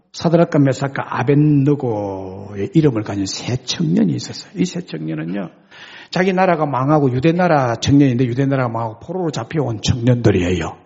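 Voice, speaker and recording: A male pastor preaches with a raspy, gravelly voice. His pitch swings widely as he tells the story in a lively, chatty way. The recording is dull and lo-fi. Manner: animated, conversational retelling. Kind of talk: sermon storytelling.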